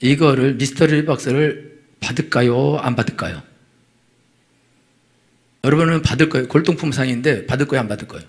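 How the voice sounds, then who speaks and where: A male senior pastor preaching a Sunday sermon, animated, acting out people's dialogue as he goes. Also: medium pitch, fairly quick, long pauses. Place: church sanctuary.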